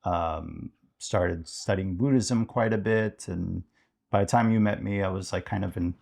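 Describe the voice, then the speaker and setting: A man's voice: sits low, a little slow, creaky, darkish tone. A middle-aged man, a podcast co-host, talking reflectively in a casual chat and thinking aloud with many fillers.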